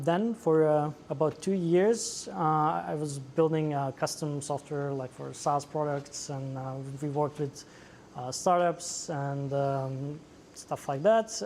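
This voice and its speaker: A man's voice: on the high side, a little mellow, a little hiss or hum. Latvian man giving a hesitant tech talk. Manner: hesitant, many fillers. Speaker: conference speaker. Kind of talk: meetup presentation. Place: meetup venue.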